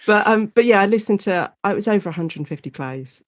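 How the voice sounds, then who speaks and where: With lively intonation and a fairly quick, mid-range voice, a British academic who specialises in audio drama talks about her research as an interview guest. Her style is enthusiastic, chatty, and conversational, captured in a dry, clean studio recording.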